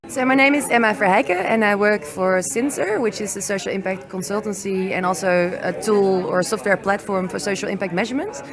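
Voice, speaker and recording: A woman, a social impact consultant, talking in a relaxed way with ums. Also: medium pitch, a little fast, hardly any pauses, crowd noise. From Netherlands.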